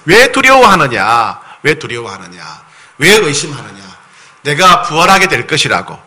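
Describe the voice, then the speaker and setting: Lively, bright-voiced male pastor preaching. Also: on the high side. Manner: animated, often asks the congregation questions; slow, solemn scripture reading. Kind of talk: sermon.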